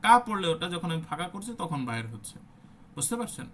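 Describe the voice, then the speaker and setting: Guy teaching a recitation class online, kinda high bright voice, keeps asking if you got it. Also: very animated, fast, slight background noise. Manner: explains step by step, demonstrates letter sounds aloud; asks the listeners rhetorical check questions.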